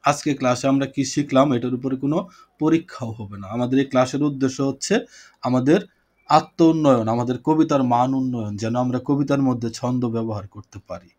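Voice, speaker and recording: A man's voice: mid-range voice, quick pace, a little mellow. A man teaching a poetry class over a video call, explaining points patiently, repeating them and asking his students questions. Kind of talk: online class lecture.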